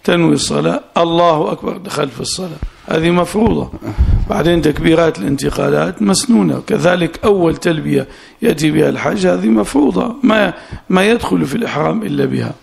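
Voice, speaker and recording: A man's voice: on the high side, expressive, fast, gravelly, darkish tone, slight background noise. A sheikh giving a classical Arabic lesson in a mosque, explaining the text line by line and often saying "yes" as he goes. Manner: explains phrase by phrase, often interjects "na'am". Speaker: sheikh teaching a fiqh text.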